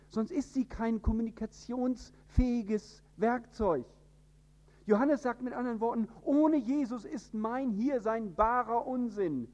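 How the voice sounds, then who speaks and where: Man, northern German preacher, emphatic sermon, mellow warm tone, dull lo-fi recording. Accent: standard High German. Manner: emphatic, with sudden rises in pitch and loudness.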